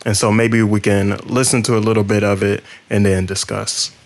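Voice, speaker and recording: A man with a slightly low voice hosts a casual podcast. He lays out the episode plan in loose, rambling explanations. He keeps an easy, chatty tone. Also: little pitch movement, normal speed. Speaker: podcast co-host.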